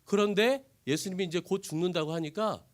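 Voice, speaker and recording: A man preaching a lively sermon, retelling a story and asking his listeners questions. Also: sits high, brisk. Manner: animated, asks the audience questions.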